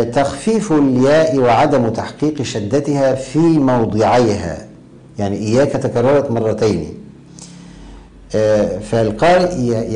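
Measured man teaching recitation. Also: medium pitch, dark tone, low-quality recording. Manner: measured, with hesitant pauses. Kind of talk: recitation lesson with chanted examples.

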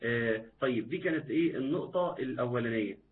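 Egyptian-accented male recitation teacher, live online class, patient and repetitive, quizzes viewers, tinny phone-like sound, mid-pitched voice. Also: quick pace. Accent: Egyptian Arabic.

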